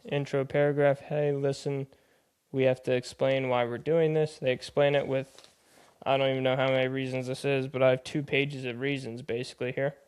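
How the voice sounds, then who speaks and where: A man's voice: medium pitch, a little mellow, clear, resonant tone. A man hosting a podcast, reading aloud from a text and explaining it in a casual, conversational way, often paraphrasing loosely. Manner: plain-spoken, conversational, paraphrases with "hey" and "they're like". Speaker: podcast host.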